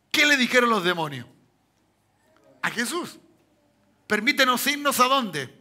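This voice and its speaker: A man with a Chilean accent, a pastor preaching a sermon full of rhetorical questions to the congregation, with sudden shouted bursts. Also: high voice. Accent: Chilean Spanish.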